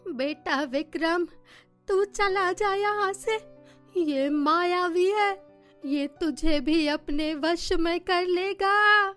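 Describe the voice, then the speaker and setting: A woman's voice: sits high, darkish tone, soft background music. Woman doing a tearful old captive mother. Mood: frantic warning. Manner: slow, pleading and emotional. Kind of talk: cartoon storybook voice acting.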